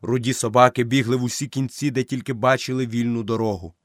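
A man reading a storybook aloud as narrator, steady and measured. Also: medium pitch, no echo, studio quality.

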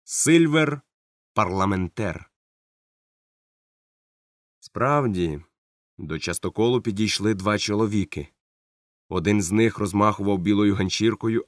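A man narrating an audiobook in a measured, dramatic way. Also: lowish voice, dry recording, clean studio sound. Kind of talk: scripted narration.

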